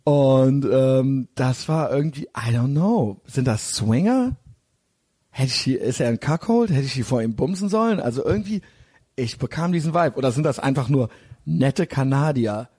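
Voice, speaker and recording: A man's voice: medium pitch, lively intonation, moderate pace, dark tone, husky. A man casually telling a rambling, slangy anecdote full of fillers. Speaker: storyteller.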